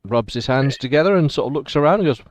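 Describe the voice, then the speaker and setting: A man's voice: medium pitch, quick pace, no echo. A man acting as game master, casually improvising narration for a tabletop role-playing game.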